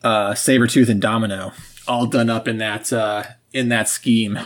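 A man's voice: fairly low pitch, steady tone, moderate pace. A man co-hosting a casual tabletop gaming podcast, talking in a rambling way with tangents and restarts. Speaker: podcast co-host.

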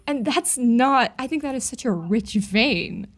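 A young woman co-hosts a podcast and reads a creepy story aloud with a mock-dramatic edge. She swears freely and breaks into giggles. Her voice sits a little high and moves about a lot. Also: expressive, a little slow. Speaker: podcast co-host.

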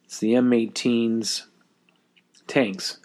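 A male podcast host talks casually through hobby details with a slight cold. His voice sits at a medium pitch. It is a homemade basement recording, echoey and short of studio quality. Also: steady tone, extremely slow, a little mellow. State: has a cold. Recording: echoey basement, lower-quality home mic.

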